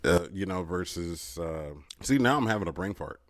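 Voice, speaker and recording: A man with a very low, deep voice talks earnestly in a loose, rambling podcast chat. He often restarts his thoughts. The sound is dry and close, with no room echo. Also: expressive, moderate pace. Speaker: podcast co-host. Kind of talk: casual conversation.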